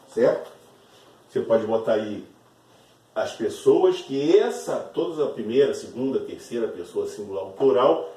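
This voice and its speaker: Um professor brasileiro dando uma aula de gramática, fala devagar, repete palavras e pergunta "certo?" a todo momento. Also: male voice, mid-range voice, dark tone. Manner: slow, repeats words, often checks with "certo?". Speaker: teacher. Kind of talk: classroom lesson explaining grammar. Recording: echoey room, voice from a distance.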